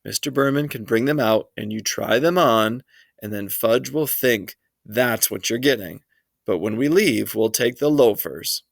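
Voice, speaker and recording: A man reading aloud voices a fussy, worried mother of two boys, talking higher and slower than his own voice. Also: vocal fry, dry recording, clean studio sound. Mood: scheming. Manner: anxious, fussing, higher slower voice.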